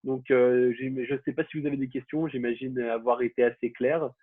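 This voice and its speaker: A man's voice: mid-range voice, steady tone, a little fast. Hesitant man hosting a quiz, phone-like sound. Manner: hesitant, many fillers and restarts. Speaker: quiz host. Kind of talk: casual podcast quiz hosting. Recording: phone-like, husky, dry.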